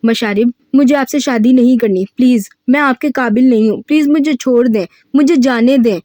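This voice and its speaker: A woman's voice: a little high, moderate pace, warm tone, no echo, studio quality, natural voice. A woman voicing a tearful young woman who pleads to be let go, in a novel reading. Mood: pleading.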